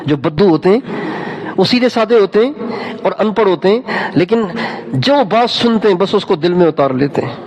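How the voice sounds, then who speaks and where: Brief: male preacher, fairly high voice, animated storytelling, chanted verses. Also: pauses often, poor audio. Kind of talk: Urdu sermon with Quran recitation.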